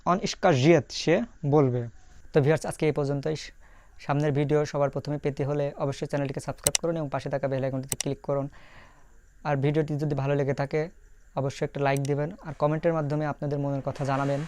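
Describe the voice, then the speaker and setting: A man's voice: on the high side, darkish tone, no room sound. Patient male language teacher, dry sound. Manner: repeats each phrase slowly and spells out sounds. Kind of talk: screen-based language lesson.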